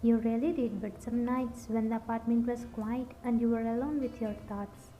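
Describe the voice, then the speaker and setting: A woman narrating a scripted second-person story in a soft, even reading voice. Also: a little high, normal speed. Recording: dull lo-fi recording. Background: faint music.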